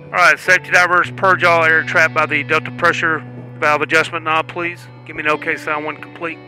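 A man's voice: on the high side, flat delivery, fairly quick, sharp tone, faint music behind, low-quality recording. A man working as test director, giving clipped procedural calls to divers over an intercom that sounds like helmet radio.

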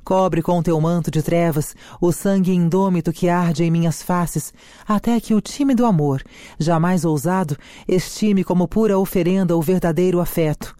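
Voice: medium pitch, moderate pace, dark tone, no room sound, studio quality, lightly acted. Juliet, a reader voicing a lovesick young noblewoman. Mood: longing. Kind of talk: dramatic reading of a play.

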